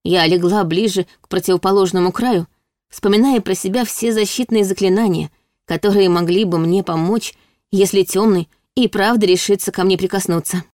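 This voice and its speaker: A woman narrating a first-person audiobook with an expressive reading. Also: medium pitch, moderate pace, no echo, clean studio sound. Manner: expressive reading, voicing indignant quotes.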